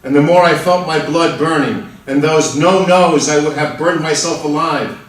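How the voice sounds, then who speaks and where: Anguished and pleading, a man with a naturally high-ish voice reads the accused murderer in a play, his outbursts emphatic and drawn out. The college festival reading fills a large indoor hall, and the mic sits far off, catching plenty of echo.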